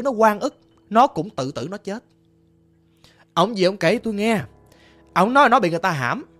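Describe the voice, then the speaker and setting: A woman telling a ghost story in the first person, confiding and emotional, talking straight to a listener. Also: mid-range voice.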